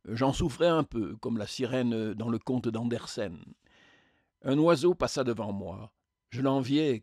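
A man's voice: mid-range voice, no room sound, studio quality. Man reading a literary tale. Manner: measured, literary, even reading. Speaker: narrator. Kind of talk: audiobook narration.

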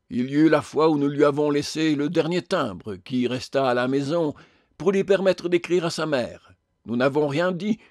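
A man's voice: mid-range voice, darkish tone, dry recording, studio quality, lightly acted. A man voicing a small, grudging male dwarf ghost who speaks in an aggrieved, complaining way.

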